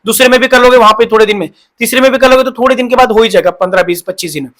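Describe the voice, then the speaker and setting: A high-voiced man rattles off relationship advice to his viewers at speed. He is blunt and scolding, and he keeps circling back to the same points. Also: rapid-fire, a bit bright. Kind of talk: direct-to-camera advice talk.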